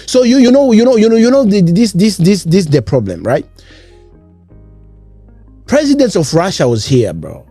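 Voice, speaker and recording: A man's voice: sits high, sing-song, moderate pace, pauses often, warm tone, breathy edge, no room sound, faint music behind. A man hosting a podcast, reacting to an interview in an emphatic, repetitive, casual way. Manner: emphatic, repetitive, keeps saying bro. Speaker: podcast host.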